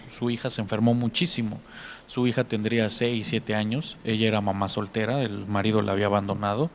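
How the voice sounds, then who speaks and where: A man in an earnest conversation about faith, telling stories and acting out the voices of the people in them. His voice sits at an ordinary middle pitch. A faint hiss of background noise runs under the recording. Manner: earnest storytelling, acting out quoted dialogue. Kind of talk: religious podcast conversation, telling testimonies.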